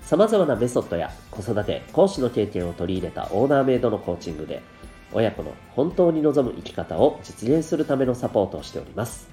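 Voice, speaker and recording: A man's voice: medium pitch, very animated, a little fast, warm tone. A man with a congested, nasal voice, talking politely and explaining things to listeners as a solo podcast host. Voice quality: nasal, stuffed-up voice. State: congested from rhinitis and dust. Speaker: podcast host and parenting coach. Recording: roomy, echoey sound with light music.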